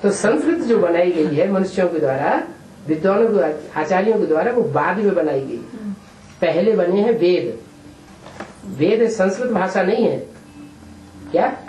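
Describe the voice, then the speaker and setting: A man's voice: sits high, lively intonation, moderate pace, pauses often, dark tone. A man acting as spiritual teacher, answering questions in a patient explaining manner and often checking with a rhetorical question. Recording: echoey room, distant mic, faint hiss.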